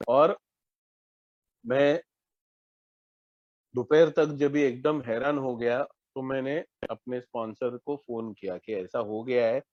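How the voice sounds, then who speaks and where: Man with a Mumbai Hindi accent, mid-pitched, sharing his story on a dull, dry online call. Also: takes it slowly, pauses often, dry recording. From India. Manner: conversational, acts out both sides of phone talks. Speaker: AA member sharing recovery story. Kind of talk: personal testimony in an online meeting. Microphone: online call mic.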